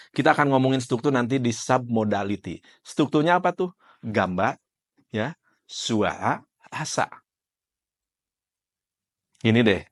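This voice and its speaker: This NLP trainer has a medium-pitched voice and lectures to his class in a conversational way. He calls on participants by name to quiz them and uses everyday examples to make his points.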